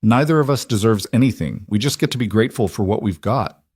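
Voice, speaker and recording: A man voicing a warm-hearted young ranch cook woman, speaking earnestly and firmly. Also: on the low side, fast talker, slightly rough, no echo, clean studio sound.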